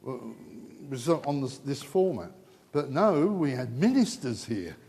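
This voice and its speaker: A panel moderator closes out a conference session, chatting and rambling while repeatedly interrupting himself mid-sentence. His voice is medium-pitched, very animated, unhurried and darkish, with long hall reverb around it.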